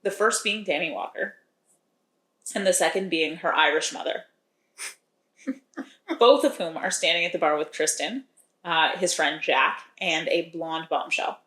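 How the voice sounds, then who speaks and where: A woman's voice: low voice, a little slow, pauses often, fairly bright tone, roomy sound. Wry, chatty woman recapping a book. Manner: chatty, wry, laughs often. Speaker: podcast co-host recapping a book. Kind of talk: casual chat.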